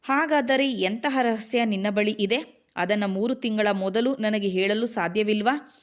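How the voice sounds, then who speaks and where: Suspicious young husband, angry but kept quiet, read by a woman narrator. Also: mid-range voice, unhurried, natural voice.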